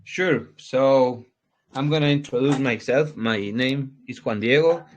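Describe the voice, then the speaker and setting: A crypto project founder in his twenties from Ecuador, whose first language is Spanish, gives casual interview answers in a mid-range voice. He's halting, often restarts, and searches for words, and the audio is dull and lo-fi.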